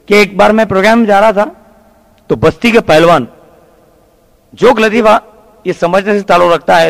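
A man's voice: high-pitched, vocal fry. A male stand-up comedian, telling jokes in a colloquial style. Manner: switches quickly between voices, colloquial banter. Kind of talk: stand-up joke telling with character voices.

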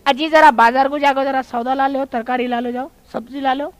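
A man's voice: extremely high pitch, level tone, moderate pace, dry recording, voice pushed up. A man voicing a housewife who coaxes her husband to go out shopping. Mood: coaxing.

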